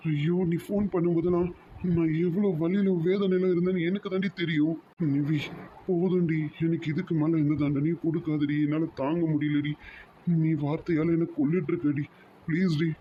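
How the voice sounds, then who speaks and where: A man's voice: a little high, steady tone, a little fast, muffled recording, slight background noise, close to an everyday voice. A man voicing a remorseful young man in a cartoon drama, pleading and apologetic.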